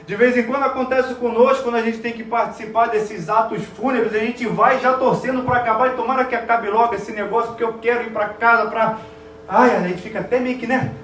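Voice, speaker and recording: High-voiced preacher in an echoey church. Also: male voice, fairly even intonation, brisk, a bit bright, a little hiss or hum. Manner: emotive preaching, drops to near-whispers on key words. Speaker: pastor. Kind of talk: sermon. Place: church sanctuary. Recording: echoey church from a distant mic.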